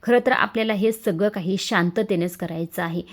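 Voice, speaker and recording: A woman's voice: medium pitch, moderate pace, natural voice. A woman voicing a worried but commanding male head of a household in a TV serial recap. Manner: firm and commanding.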